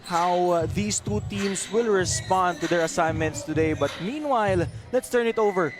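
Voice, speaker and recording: A man's voice: sits high, normal speed, over music. A man with a Filipino accent hosting a sports broadcast in a polished, formal presenter style. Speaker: play-by-play host.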